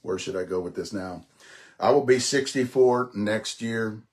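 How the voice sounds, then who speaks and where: A man's voice: lowish voice, unhurried. A man in his sixties hosting a podcast in a rambling, casual monologue, often repeating himself and swearing offhandedly. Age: 60s. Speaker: podcast host.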